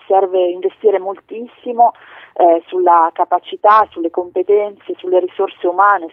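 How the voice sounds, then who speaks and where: A woman heard over a phone line, answering interview questions as a politician guest in a measured way, with frequent hesitations and filler phrases. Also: lowish voice, no echo. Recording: tinny dry phone line.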